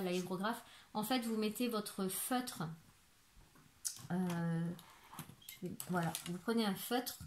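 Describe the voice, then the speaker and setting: A chatty woman in her forties from France, rambling through a crafting haul at home. Her voice sits mid-pitch and bounces around a roomy, echoey space. A steady hiss of background noise runs underneath. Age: 40s. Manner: chatty, rambling, many fillers and restarts. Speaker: crafting YouTuber. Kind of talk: casual haul video. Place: home living room.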